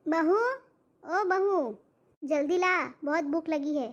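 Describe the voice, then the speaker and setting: A woman's voice: sits high, takes it slowly, dull audio, slight background noise. A woman playing a greedy, demanding old mother-in-law who keeps bossing her daughter-in-law about food. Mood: impatient. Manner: nagging, bossy.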